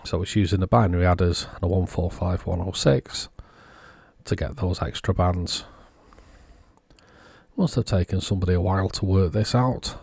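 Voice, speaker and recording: A man giving casual, unhurried technical commentary, thinking aloud as he inspects a circuit board. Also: sits low, vocal fry, a little mellow, husky, no echo. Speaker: electronics repair vlogger.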